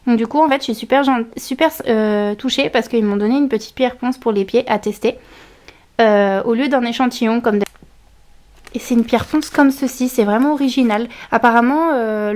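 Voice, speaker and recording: A woman's voice: on the high side, a little mellow. A young woman chatting enthusiastically through a shopping haul, with many fillers and restarts. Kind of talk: casual haul video talk. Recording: echoey room.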